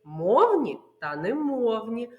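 Woman kindergarten teacher, lively higher voice, slow and sing-song, echoey room. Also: muffled recording. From Ukraine. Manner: sing-song, drawn-out words, answers her own questions. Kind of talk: online preschool literacy lesson.

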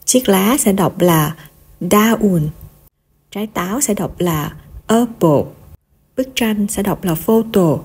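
A woman leads a slow, patient pronunciation lesson, sounding out syllables one by one. Her voice is slightly husky, with a middle pitch. She explains each point in plain, simple terms. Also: darkish tone. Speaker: language teacher vlogger.

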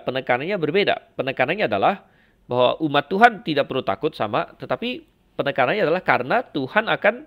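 A man giving a Bible lesson, explaining slowly with frequent fillers and restarts as he compares passages. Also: lowish voice, fairly bright tone. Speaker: Bible teacher. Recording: dull lo-fi lecture recording.

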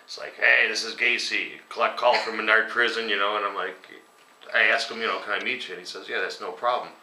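This is a metal singer in his forties talking casually at his dining room table, his fairly quick, fairly even delivery sitting on the low side and sounding pushed and bright. He meanders through interview questions with lots of ums and chuckles at grim tales, and the echoey indoor space makes him sound a little far off.

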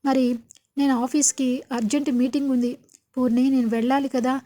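A woman's voice: high voice, little pitch movement, normal speed, warm tone, natural voice. A woman reading the lines of a caring young adult son in a serial retelling, in a concerned, urging way.

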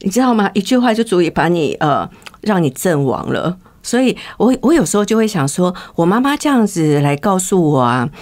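A woman's voice: on the low side, sing-song, fairly quick, darkish tone. A middle-aged woman, a counselor speaking candidly as an interview guest and telling stories in plain conversational talk. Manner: candid, storytelling, acts out quoted dialogue.

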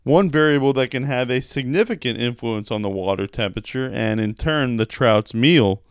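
Young male student reporter, lively. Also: mid-range voice, moderate pace, clean tone, no echo. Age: young adult. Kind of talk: news feature narration. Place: outdoors by a creek in woods. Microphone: handheld mic.

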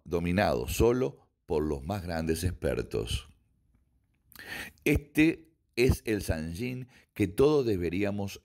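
A man, a karate instructor, reading a written text aloud in a measured, deliberate way, sometimes correcting his own slips. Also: low voice, a little mellow.

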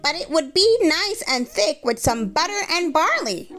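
A woman performs a cheerful, sly, hungry young man from a storybook, coaxing as he speaks, in a heavily acted high voice pitched above her own. She is very animated with a fairly bright tone, yet keeps a measured pace.

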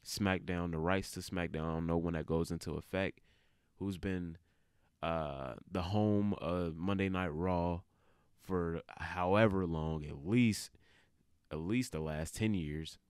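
A man giving casual, opinionated commentary as a video creator, colloquial and full of halting asides. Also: sits low, smooth, no echo, studio quality.

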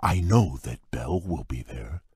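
A man voicing a large, gentle, shy male beast prince in a video game, speaking in a gentle, halting and formal way with a very deep, husky voice. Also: lively intonation, no room sound, studio quality, exaggerated voice.

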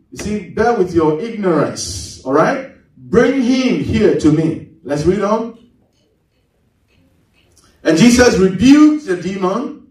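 A male pastor preaching a sermon, quizzing the congregation with call-and-response questions and repeating key words for emphasis. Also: high voice. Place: church. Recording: very echoey church hall, mic at a distance.

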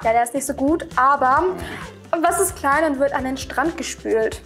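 Female contestant, twenties, high pitched, giggly casual joke banter with music in the background. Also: normal speed, a bit bright. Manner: giggly, laughs through her words. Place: indoor bar-style studio with a small audience. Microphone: clip-on lavalier.

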